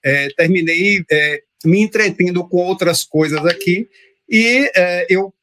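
A man's voice: sits high, a little slow, pushed and bright, slight background noise. A man, an entrepreneur recounting his career in an interview, hesitant and full of restarts. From Bahia, Brazil. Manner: hesitant, many fillers and restarts. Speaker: entrepreneur guest. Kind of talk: conversational interview storytelling.

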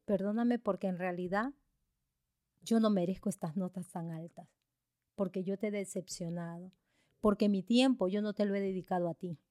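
A woman's voice: medium pitch, normal speed, a little mellow, no room sound, studio quality, natural voice. A woman voicing a frustrated working father who later pleads for forgiveness. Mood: remorseful.

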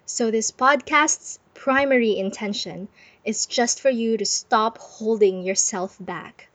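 A woman's voice: a little high, takes it slowly, a bit bright, dry recording. A woman podcast host giving a chatty, encouraging talk from her bed, muffled under a blanket, with frequent giggles. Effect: muffled, close sound from under a blanket. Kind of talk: casual motivational talk. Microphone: close microphone.

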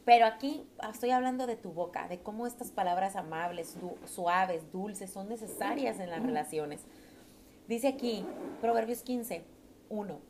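A woman's voice: medium pitch, a little mellow, slight background noise. A woman gives a devotional talk to women, earnest and persuasive, repeating phrases for emphasis.

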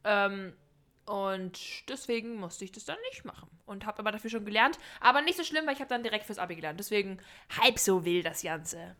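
Bright-voiced chatty teenage girl. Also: mid-range voice, fairly quick. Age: teens. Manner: chatty and expressive. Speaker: podcast co-host, school student. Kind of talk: casual podcast chat.

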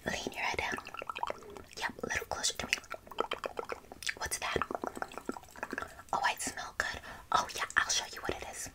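A woman whispering through an ASMR roleplay, softly repeating trigger words again and again. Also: normal speed, long pauses.

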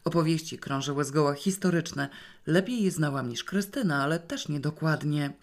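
A woman's voice: low-pitched, moderate pace. Woman telling a wry audiobook tale. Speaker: audiobook reader. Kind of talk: first-person literary narration.

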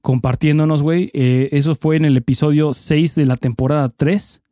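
A man's voice: on the high side, steady tone, normal speed, mellow, dry recording, studio quality. A young Mexican man co-hosting a podcast, tacking slang onto nearly every phrase. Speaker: podcast co-host. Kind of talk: casual crude chat.

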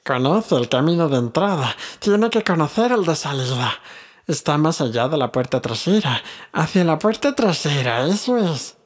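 A man's voice: big pitch swings, moderate pace, slightly rough. A man voicing a wretched ancient cave creature that hisses, whines and mutters to itself in an audiobook. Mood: scheming. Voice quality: hissing, muttering to himself. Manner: whining, cursing, sudden high outbursts. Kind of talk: audiobook character reading.

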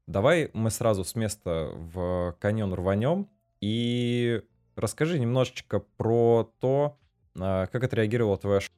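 A man from Russia hosting a podcast interview, chatting in a relaxed way with fillers. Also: on the low side, measured pace. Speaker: podcast host.

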